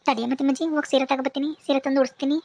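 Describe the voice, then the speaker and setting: A woman voicing a kindly village woman neighbour in a cartoon, speaking softly in rural Malnad Kannada. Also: high voice, level tone, very fast, no echo. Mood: soothing.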